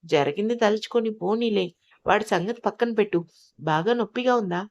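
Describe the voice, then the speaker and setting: A woman's voice: medium pitch, fairly quick, a little mellow, lo-fi sound, close to an everyday voice. A woman voicing an older grandmother who fusses over the girl and scolds her grandson. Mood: fussing. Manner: fussing and scolding. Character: caring, sharp-tongued old grandmother.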